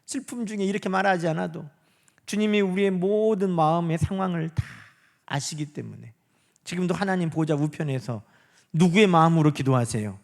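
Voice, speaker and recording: Male pastor, high voice, sermon delivery full of rhetorical questions and quoted lines. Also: normal speed, creaky. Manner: asks the congregation questions and answers them himself; acts out quoted speech in a softer voice. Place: church sanctuary.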